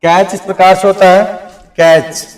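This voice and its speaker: A man's voice: high voice, flat delivery, measured pace, echoey room. A man teaching a tuition class, drilling students on pronunciation by repeating words over and over and scolding anyone who stops paying attention. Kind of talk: classroom lesson on English pronunciation.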